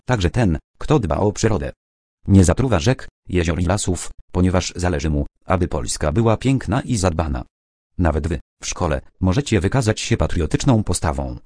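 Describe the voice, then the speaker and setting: A man reading out the lines of a calm female schoolteacher who explains things patiently. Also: sits low, moderate pace, dry recording, studio quality. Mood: explaining.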